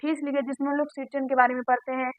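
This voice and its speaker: A woman's voice: high-pitched, little pitch movement, very fast, no echo, rough recording. A woman teaching an exam-prep lesson, repeating each question and its answer to drill the points.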